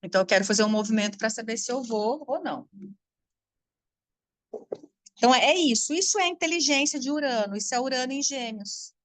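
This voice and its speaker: A Brazilian woman, a spiritual coach, talking casually and frankly to her audience, lively and blunt, laughing now and then. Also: a little high, fairly quick, long pauses, dry recording. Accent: Brazilian Portuguese. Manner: animated, frank, swears freely, laughs often. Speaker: spiritual coach teaching astrology. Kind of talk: casual spoken talk to an audience.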